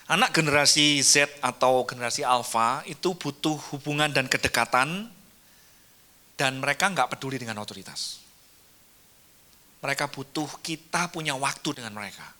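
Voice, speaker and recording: A man's voice: mid-range voice, normal speed, bright, forceful tone. A man with an Indonesian accent, a pastor preaching a sermon to a church, earnest and acting out short dialogues as he tells stories.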